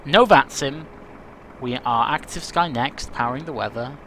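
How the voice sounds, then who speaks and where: A man talks casually to his viewers at a middling pitch, chatty and a little self-deprecating. Faint rain and birdsong sit behind his voice. He rambles and restarts now and then. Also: moderate pace, sharp tone, slight background noise. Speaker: flight sim video host. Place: home room with rain and birds heard outside.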